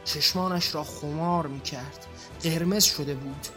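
A man giving a dramatic literary reading, intense and theatrical, moving between hushed and anguished passages. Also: a little high, steady tone, music in the background. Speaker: reader.

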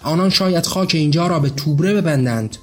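A man voicing a cautious, skeptical male revolutionary who speaks in a measured way, in a read-aloud story. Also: fairly high pitch, lively intonation, faint music behind. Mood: objecting. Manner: measured, objecting.

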